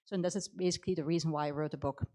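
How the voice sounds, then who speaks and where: Low, mellow and very fast, with fairly even intonation, a middle-aged conference speaker talks motivationally about her career. She speaks English in a Belgian accent with a slight New Zealand tinge, conversationally and with frequent "you know".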